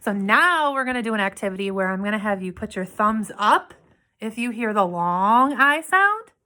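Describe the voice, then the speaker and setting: Slow, bright-voiced woman teaching phonics. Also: mid-range voice. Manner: slow, clearly sounding out words and letters; asks frequent "okay?" check-ins. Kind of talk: phonics lesson to young children.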